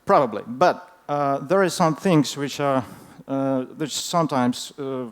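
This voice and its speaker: Halting male conference speaker, clear smooth voice. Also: mid-range voice. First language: not English. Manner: hesitant, halting delivery with frequent fillers. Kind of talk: informal technical presentation.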